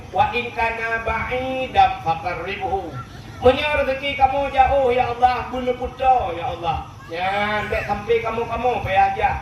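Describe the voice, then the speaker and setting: A man's voice: very high-pitched, muffled recording. A man preaching a religious sermon in an Acehnese accent, emphatic, calling out to the gathering and reciting Arabic prayers. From Aceh, Indonesia. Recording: very echoey, far from the mic, faint noise.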